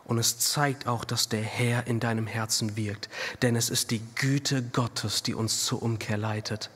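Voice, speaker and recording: A man's voice: mid-range voice, measured pace, husky. Preaching man in a reverberant hall. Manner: animated preaching, swings from hushed to emphatic. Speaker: pastor. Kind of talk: sermon. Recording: long reverb of a church hall.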